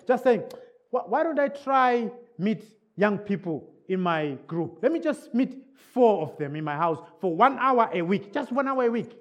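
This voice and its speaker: A high-voiced man delivers a sermon during a church service in England. He speaks English as a second language, leaning on repeated key words and pausing to check in with the congregation.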